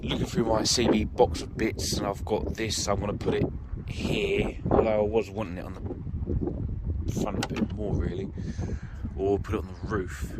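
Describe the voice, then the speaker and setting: In a lowish voice with a level tone and moderate pace, a British vlogger rambles informally into a handheld camera. An amateur vehicle DIYer, he gives a casual, self-deprecating walkthrough while working in and around an off-road vehicle outdoors. It's a noisy handheld recording on a phone or camera mic, with vehicle ambience.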